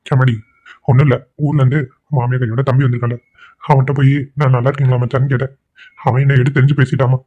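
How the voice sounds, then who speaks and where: A man's voice: medium pitch, little pitch movement, fast, natural voice. A man voicing a remorseful, self-pitying middle-aged man who drinks, pleading and lamenting in a cartoon drama. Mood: sorrowful. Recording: tinny phone-like sound.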